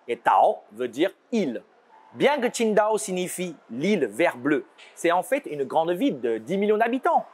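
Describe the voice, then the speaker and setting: Lively man. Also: sits high, normal speed. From China. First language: Chinese. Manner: lively explaining with playful asides. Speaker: show host. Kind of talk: scripted educational presentation.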